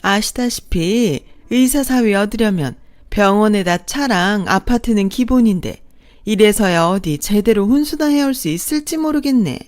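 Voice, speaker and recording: A woman's voice: medium pitch, expressive, moderate pace, darkish tone, natural voice. A woman narrator voicing a haughty, scornful middle-aged mistress who sneers and talks down to people, with faint music behind. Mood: sneering.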